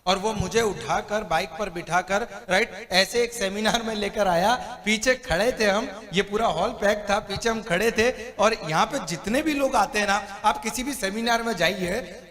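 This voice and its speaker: A man with a fairly high voice delivers a motivational seminar from a stage, spinning stories and repeatedly checking that the audience agrees. His voice rings with the long reverb of a big hall. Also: moderate pace, hardly any pauses. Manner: lively storyteller who asks the audience for agreement. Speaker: motivational speaker. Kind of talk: stage seminar talk with storytelling.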